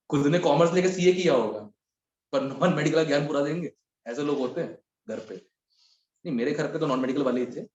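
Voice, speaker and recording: A man in his thirties teaching a chemistry class, chatting and teasing his students, mixing English words into his talk. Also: mid-range voice. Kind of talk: joking classroom lecture. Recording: echoey room, dull lo-fi sound.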